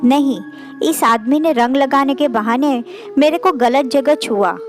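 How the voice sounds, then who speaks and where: A woman's voice: sits high, unhurried. A woman voicing a wronged young wife who insists on what happened to her, over background music. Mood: distraught. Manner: insistent, shouting. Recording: music playing under the voice.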